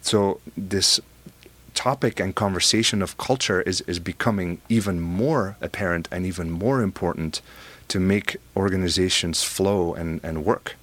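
A middle-aged Belgian man with a Belgian accent is a guest in a conversational interview. He's animated, speaking in a low-pitched voice at a moderate pace, and often repeats words as he starts his sentences.

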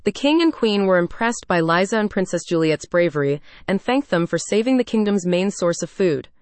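A woman's voice: lowish voice, animated, normal speed, dry recording. Woman reading a children's story. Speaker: narrator. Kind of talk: scripted children's story narration.

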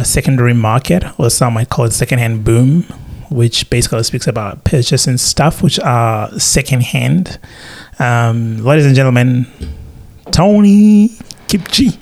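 Gravelly male podcast host. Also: medium pitch. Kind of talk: casual interview.

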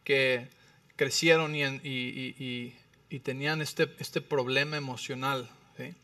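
A male pastor preaching a sermon, animated, swinging between loud emphatic phrases and quiet low ones, often checking in with the listeners. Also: measured pace, distant mic. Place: church.

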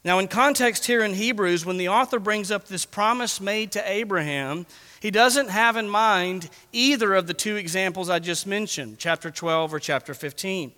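A man's voice: sits high, moderate pace, pushed and bright, in a large hall. A man preaching a sermon in an emphatic way, repeating words for stress. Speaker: pastor.

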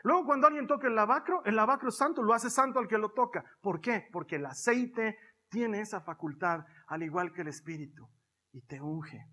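A man preaching a lively sermon, acting out his own prayers and conversations as he speaks. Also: high voice, a little fast, slightly rough. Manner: animated, acts out his own prayers and dialogue. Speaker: pastor.

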